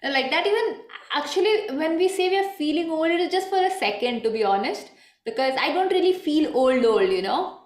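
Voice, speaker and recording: High-pitched woman in her late 20s chatting about chess on a stream, laughs a lot, echoey room. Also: expressive, a little fast. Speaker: chess commentator co-host. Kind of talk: casual chess commentary chat. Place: room at home.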